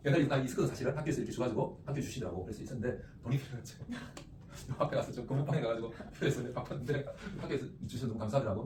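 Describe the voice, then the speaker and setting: A man teaching an ethics class, lively, repeating phrases and quizzing his students. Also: mid-range voice. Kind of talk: classroom lecture with questions to students. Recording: echoey room, distant mic, faint noise.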